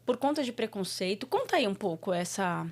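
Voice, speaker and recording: A woman's voice: mid-range voice, big pitch swings, a little fast. A woman hosting a casual interview, asking friendly, encouraging questions with frequent tag questions. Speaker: host.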